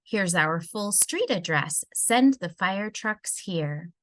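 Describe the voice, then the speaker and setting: Storybook mother acted by a woman: calm, sensible, measured and unhurried, kindly firm. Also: lowish voice, no room sound. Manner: measured, clear rhyming speech.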